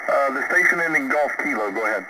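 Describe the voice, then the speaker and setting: Over noisy, distant shortwave reception, a man works as a ham radio operator, taking calls in an easygoing way, filling gaps with lots of "uh," and spelling call signs phonetically. His medium-pitched voice is expressive, and he talks fast.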